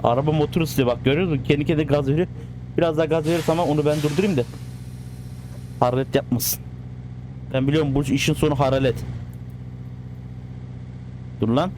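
A man with a slightly high voice gives excitable, casual commentary over a driving game. He coaxes and scolds the cars on screen as if they were pets. Faint engine sounds hum behind him. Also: a little fast, long pauses. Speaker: gaming channel host.

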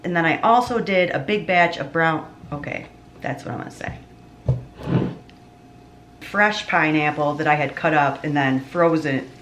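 Woman, 30s, home-kitchen cooking vlogger, relaxed slow delivery, lots of restarts. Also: deep voice, a little hiss or hum. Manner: chatty, self-interrupting, laughs at her own slips. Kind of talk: casual meal prep vlog. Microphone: camera mic at arm's length and on the counter.

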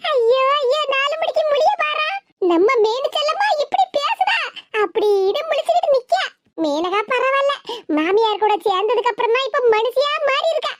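A woman voicing a sharp-tongued, teasing village woman in a cartoon, with a Tirunelveli Tamil accent. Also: very high voice, expressive, moderate pace, no room sound, clean studio sound. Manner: teasing, mocking, laughs often.

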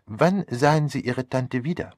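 A man reading an audiobook voices a fastidious elderly male detective who asks polite, measured questions. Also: medium pitch, lively intonation, darkish tone, no echo, clean studio sound, pitched above the performer's own voice. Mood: probing. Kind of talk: audiobook character voice.

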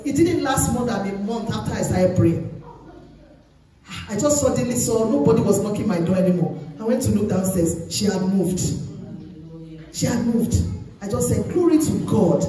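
A middle-aged woman pastor from Nigeria preaches in a church, telling her own story in an animated way and jumping up in pitch to drive a point home. Her voice carries from some distance away from the microphone. The recording is heavy with echo from the hall. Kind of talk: sermon. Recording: echoey church hall, voice from far off.

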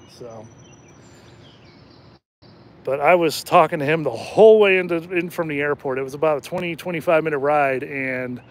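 A man hosting a casual livestream outdoors at night, jokey and rambling, his throat slightly hoarse from talking. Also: fairly high pitch. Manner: rambling and jokey, laughs often. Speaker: channel host and rideshare driver.

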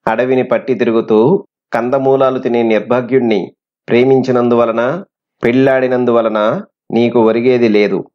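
A man's voice: medium pitch, little pitch movement, moderate pace, lightly acted. A man voicing a defiant captive princess. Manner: defiant, scornful. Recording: dull lo-fi recording.

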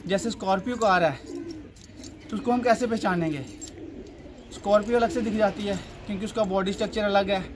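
A man's voice: high-pitched, background noise. A man showing his pigeons on a rooftop, patiently explaining them with examples in casual chat.

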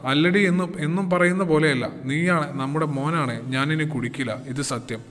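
A man's voice: on the high side, a little fast, a bit bright, big-room sound, natural voice. A man voicing a remorseful husband who pleads with his wife and swears he will stop drinking. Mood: pleading.

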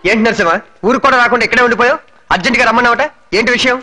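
An actor playing the hero's blunt, loyal friend in a dubbed film drama, speaking in a brisk, questioning way. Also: male voice, very high-pitched, pushed and bright, in a large hall, poor audio.

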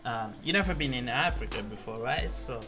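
A man's voice: mid-range voice, animated, a little fast, over music. A man hosting a trolling video chat, teasing and flirting in a playful put-on persona, talking through a gaming headset in a small bedroom. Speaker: prank video chat host.

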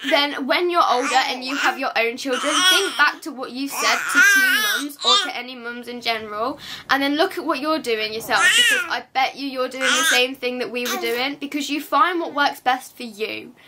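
A teenage woman vlogging at home at night. She talks in a quiet, hushed voice, rambling and restarting in an emotional monologue to camera. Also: high-pitched, animated, moderate pace, heavy background noise. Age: teens.

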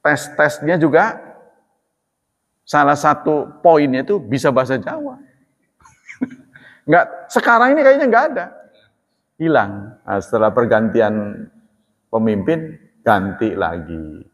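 A man teaching religion in a relaxed, chatty way, joking and laughing as he talks. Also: mid-range voice, slow pace, pauses often. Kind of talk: casual religious talk. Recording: long hall reverb.

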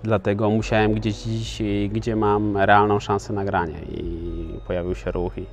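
A man's voice: fairly low pitch, level tone, measured pace, faint music behind. A man in his thirties, a footballer, answering interview questions casually, with many filler sounds and restarts. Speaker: professional footballer, guest.

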